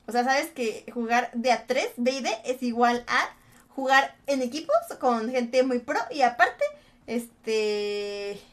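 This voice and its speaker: A young Mexican woman streaming a mobile shooter, chatting playfully with her viewers, teasing them and greeting them with pet names. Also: high-pitched. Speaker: game streamer. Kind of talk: live-stream chat while gaming.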